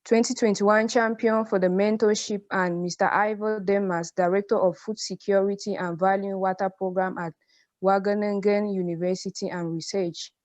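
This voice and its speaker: A woman's voice: medium pitch, steady tone, normal speed, a little mellow, no echo. A young woman from Cameroon presenting formally from a prepared text. The sound is dry and lo-fi, with a dull call-line quality. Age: young adult. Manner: formal, read-out delivery. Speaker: NGO program manager. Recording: dry lo-fi video call audio.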